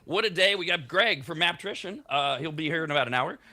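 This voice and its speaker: A man with a bright, lively voice that swings around a lot as he hosts a morning radio show. He chats casually and tells stories with animated energy, often restarting his sentences. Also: on the high side, a little fast. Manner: animated storyteller, many restarts. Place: radio studio.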